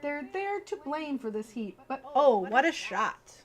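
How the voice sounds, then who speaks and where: In an unhurried yet very animated high voice, a woman hosting a livestream moves between informal chat aimed directly at her viewers and reading children's bedtime stories aloud, keeping things chatty throughout.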